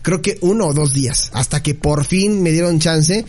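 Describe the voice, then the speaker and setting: A Mexican man with a notably high voice spins a funny childhood story in relaxed chat, laughing along as he goes. Soft music sits faintly behind him. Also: normal speed. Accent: Mexican Spanish. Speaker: podcast co-host. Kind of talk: casual chat, telling an anecdote.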